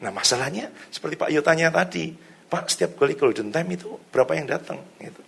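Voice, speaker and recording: A man's voice: a little high, expressive, fast, creaky, a bit bright, breathy edge. A middle-aged man, a pastor preaching a sermon, telling stories in a loose conversational way and laughing often. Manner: conversational storytelling, laughs often, javanese-flavoured casual indonesian. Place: church hall.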